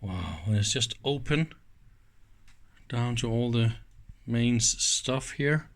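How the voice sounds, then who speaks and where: Here a male host offers relaxed, enthusiastic teardown commentary, thinking out loud and letting out exclamations as he works. The slightly husky voice sits at medium pitch, with lively intonation and a slow pace.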